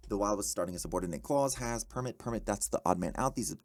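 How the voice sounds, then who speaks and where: A man tutoring for a test, thinking aloud as he works practice questions, correcting himself often and tossing in quick exclamations. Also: lowish voice. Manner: animated, self-correcting, quick asides and exclamations.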